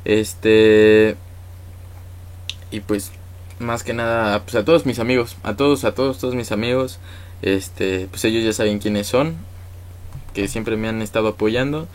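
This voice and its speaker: A man's voice: on the low side, steady tone, measured pace, pauses often, darkish tone. A man with a Mexican accent, a musician guest in a casual interview, talking in an easygoing, thankful way with lots of fillers. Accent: Mexican Spanish.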